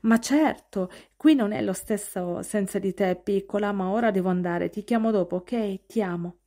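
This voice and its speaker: Woman reading as an affectionate young boyfriend, sweet, casual, audiobook, mellow voice. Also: mid-range voice, moderate pace, natural voice.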